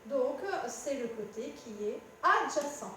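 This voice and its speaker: A high-pitched woman teaching a math lesson, patient and talking straight to the student. She often corrects her own slips. The room is very echoey, with a faint hum underneath. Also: lively intonation, a little slow, bright, forceful tone, recorded from a distance. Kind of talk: explaining a lesson at a board.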